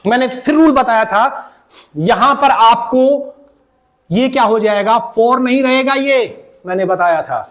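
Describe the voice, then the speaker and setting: A man teaching English pronunciation, repeating each word slowly again and again as a drill and calling his viewers "beta" in a fatherly way. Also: extremely high pitch, fairly bright tone. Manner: slow, repeats words many times for drill. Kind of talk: pronunciation lesson.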